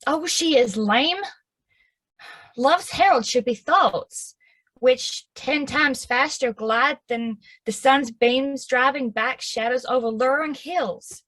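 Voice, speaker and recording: A woman's voice: high voice, slow pace, fairly bright tone, full character voice. An actress playing an impatient young girl in love with a Southern US accent, pleading eagerly in verse. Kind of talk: stage acting of verse drama.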